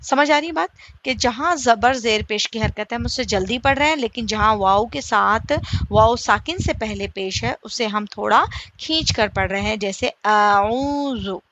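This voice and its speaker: A woman teaching a slow recitation lesson. She asks her listeners questions, answers them herself, and stretches the example vowels out slowly. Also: on the high side, fairly bright tone, lo-fi sound, a little hiss or hum. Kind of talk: slow step-by-step tajweed lesson.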